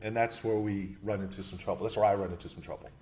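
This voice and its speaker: A man with a fairly low voice explains his views as a podcast guest. He speaks in animated bursts, restarting sentences and thinking aloud as he goes. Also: fast, slight background noise. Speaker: investment manager guest. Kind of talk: podcast interview.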